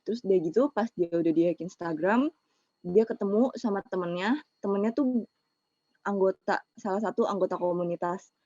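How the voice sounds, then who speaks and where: A woman's voice: mid-range voice, normal speed, dark tone, dry recording. A young woman, telling an emotional personal story in casual slang for a webinar over a video call. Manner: emotional, confessional, Jakarta slang. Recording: muffled lo-fi online call audio.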